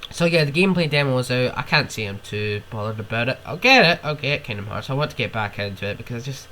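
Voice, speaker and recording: A man's voice: medium pitch, animated, fast talker, sharp tone. Rambling, sniffly young man. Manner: rambling, sniffing and burping, sweary. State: ill with a cold. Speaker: podcast host. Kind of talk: casual solo ranting.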